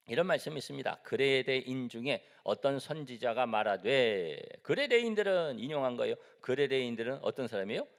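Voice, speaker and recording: A man's voice: medium pitch, vocal fry. A middle-aged man from Seoul, a pastor giving a conversational sermon in a church and asking the congregation questions. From Seoul, South Korea. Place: church sanctuary. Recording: echoey church hall.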